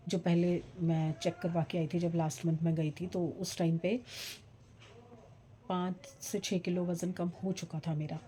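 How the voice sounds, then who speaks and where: A woman's voice: lowish voice, mellow, a little hiss or hum. A middle-aged woman talking casually in a home vlog, rambling and chatty with many fillers. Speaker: vlogger.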